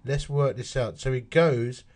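An Essex-accented man reads a history article aloud, his medium-pitched voice unhurried and a little mellow. Along the way he chats in asides and works out the dates and numbers aloud.

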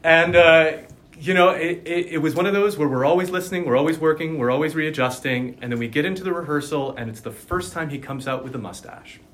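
A dialect coach talks in a conversational interview, articulate and enthusiastic, speaking in quick bursts. His voice is on the high side with a fairly bright tone.

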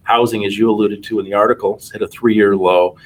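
A man's voice: fairly low pitch, fairly even intonation, quick pace, far from the mic, poor audio. A man in his late forties from the United States, talking conversationally as a podcast guest and financial adviser. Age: late 40s. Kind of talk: conversational interview answers.

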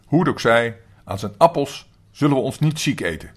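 A man's voice: medium pitch, expressive, normal speed, voice pushed up, natural voice. A grandfather doing a bold, bossy boy. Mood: confident. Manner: commanding, urgent calls. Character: bold, loyal young boy, leader of friends.

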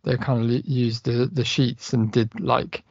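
Man, medium pitch, gravelly, dry, dull lo-fi audio, rambling casual podcast chat. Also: level tone, measured pace, a little mellow, no room sound. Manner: rambling, filler-heavy, swears. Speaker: podcast co-host.

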